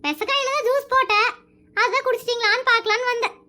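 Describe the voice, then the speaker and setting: Very high-voiced woman in a comedy skit. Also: steady tone, fast talker, bright, forceful tone. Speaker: skit creator playing a daughter-in-law.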